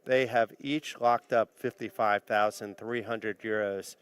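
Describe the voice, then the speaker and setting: A man's voice: fairly low pitch, steady tone, measured pace, a bit bright, clear, resonant tone, no room sound. A man doing easygoing live play-by-play commentary on a poker final table. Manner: easygoing play-by-play, light joking.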